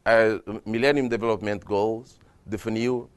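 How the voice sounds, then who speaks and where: This guest lecturer, a man from Mozambique, delivers a slide-based university lecture in a lecture hall with a Mozambican Portuguese accent. His voice is lowish and smooth, with fairly even intonation and a measured pace, yet he's hesitant and restarts often.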